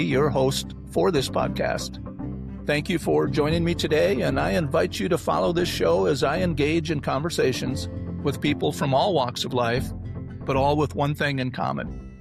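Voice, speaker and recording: A man hosting an interview podcast, presenting and asking questions in a measured, prepared style. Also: a little high, creaky, husky, no echo, studio quality. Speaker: podcast host. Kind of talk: scripted introduction and interview hosting.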